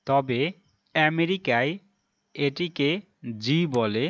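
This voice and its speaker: A male teacher giving a pronunciation lesson, saying each sound slowly and twice over. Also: mid-range voice, fairly bright tone, no room sound, highs cut off.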